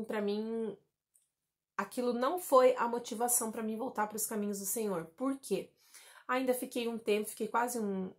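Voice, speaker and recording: Woman in her 30s from southern Brazil, chatty testimony vlogger who addresses her viewers directly. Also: mid-range voice. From Santa Catarina, Brazil. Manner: chatty, addresses viewers as "gente", many fillers like "né" and "tá". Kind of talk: personal testimony vlog.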